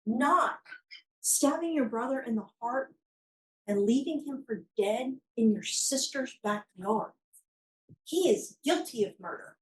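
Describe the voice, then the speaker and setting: A woman's voice: fairly high pitch, animated, takes it slowly, low-quality recording. A woman prosecutor giving a courtroom closing argument, emphatic and pressing her points through repetition. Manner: emphatic, repeating key phrases for force.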